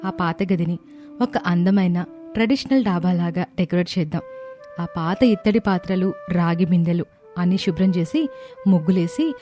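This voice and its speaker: Woman voicing an earnest young daughter-in-law, mellow voice, kind, faint music. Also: lowish voice, normal speed, lightly acted. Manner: earnest, warm-hearted speaking. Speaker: voice actor.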